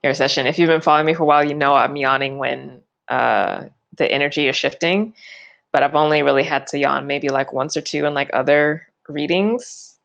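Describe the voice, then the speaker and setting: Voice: mid-range voice, brisk, creaky, a bit bright, dull audio. A tarot reader giving a loose, chatty forecast, full of fillers and restarts and yawning often.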